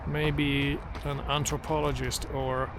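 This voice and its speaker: This middle-aged non-native English speaker vlogs on foot outside, among trees and passing traffic, with street noise audible throughout. His casual, reflective talk to the camera is slow and full of restarts, delivered at medium pitch with little pitch movement and a creaky quality.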